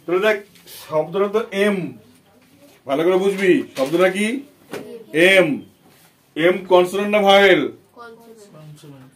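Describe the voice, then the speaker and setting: A man's voice: high voice, measured pace, pauses often, a little hiss or hum. A man teaching an English grammar lesson to children, with a Bengali accent, patiently repeating points and quizzing his students. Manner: patient, repetitive, asks students questions.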